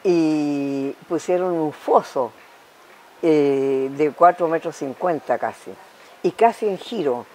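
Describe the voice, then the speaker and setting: Chilean lady in her 90s, lowish voice, telling lively stories as a guest. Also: slow pace, a little hiss or hum, rough recording. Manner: animated storyteller with spoken sound effects. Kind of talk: anecdotal interview talk.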